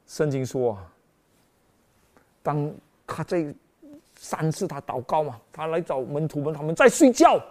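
A man's voice: a little high, lively intonation, measured pace, long pauses, a little mellow. A man preaching a Christmas sermon with emotional, dramatic exclamations, often calling out to the congregation as brothers and sisters.

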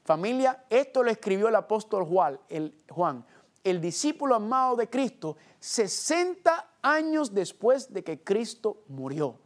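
A man's voice: high-pitched, sing-song, unhurried. A man preaching a sermon, asking the congregation rhetorical questions and quoting scripture. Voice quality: quotes scripture. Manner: addresses listeners as family.

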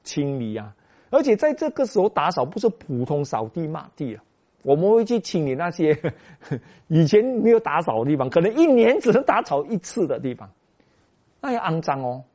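A man preaching a sermon as a pastor, telling a story with animated delivery that swings between soft and loud. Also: fairly high pitch, moderate pace. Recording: dull lo-fi recording.

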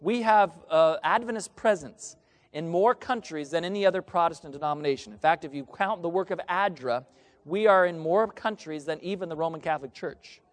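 A man whose voice is on the high side speaks a little fast as he preaches. He reads from scripture and asks questions the congregation answers, and the recording carries the long reverb of a large hall.

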